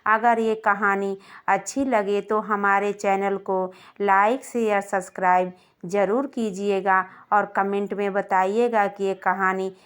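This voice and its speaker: A woman narrating a scripted moral story in a calm, gentle manner. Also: medium pitch, takes it slowly, smooth. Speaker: storyteller of moral stories for a channel.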